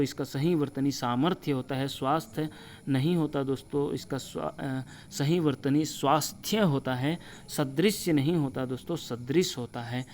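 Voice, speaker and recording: A man's voice: medium pitch, a little mellow. Man teaching a spelling lesson. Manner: repeats the word for friends and reminds viewers to remember; slow deliberate spelling-out of letters. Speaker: Hindi teacher. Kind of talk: spelling lesson over slides.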